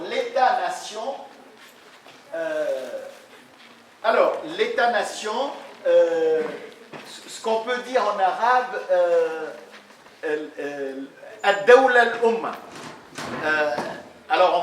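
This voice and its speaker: A man in his sixties giving a university lecture, hesitant, with many fillers and restarts as he explains. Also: high voice. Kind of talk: academic conference lecture. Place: lecture hall, indoors. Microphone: distant room mic. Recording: very echoey hall from far off, faint noise.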